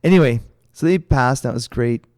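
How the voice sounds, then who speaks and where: A middle-aged man chats on a podcast in a mellow, darker tone. He rambles through his story with plenty of restarts. The sound is dry and close. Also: medium pitch, brisk, dry recording. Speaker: podcast co-host, karate instructor. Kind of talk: casual chat.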